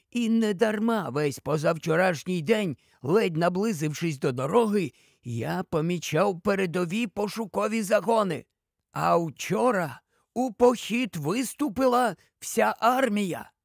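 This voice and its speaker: A learned old scholar explains things calmly and at a measured pace, as a man voices him. The voice is high-pitched with a slight rasp, recorded dry and close. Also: no echo, exaggerated voice. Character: learned old male scholar, calm and careful.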